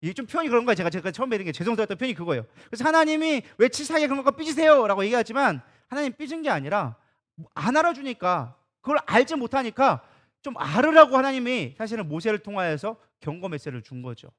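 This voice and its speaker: Male pastor, lively conversational sermon in a church, rapid delivery. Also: very high voice. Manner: lively, conversational preaching that acts out quoted dialogue. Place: church sanctuary.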